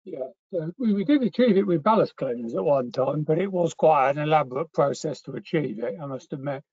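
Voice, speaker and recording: Man, fairly high voice, polite questioner, dry muffled video call. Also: lively intonation, a little fast, a little mellow, slightly rough, dry recording. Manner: polite, brief acknowledgements. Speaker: meeting attendee asking questions.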